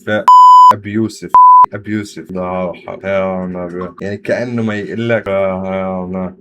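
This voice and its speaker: Fast-talking man reacting to music. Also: on the low side. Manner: excited, chatty, slang-heavy. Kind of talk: casual reaction commentary.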